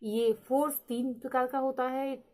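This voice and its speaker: Slightly high-voiced woman teaching step by step. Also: steady tone, a little mellow, poor audio. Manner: explains step by step, mixes English terms, slows to read English definitions. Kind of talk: explaining lecture.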